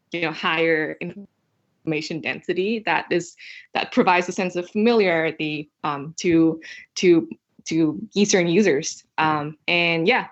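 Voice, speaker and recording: A woman's voice: lowish voice, a bit bright. A young woman from Vietnam, a podcast guest, speaking in a hesitant way with many filler words and restarts. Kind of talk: casual interview chat. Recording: dull lo-fi sound.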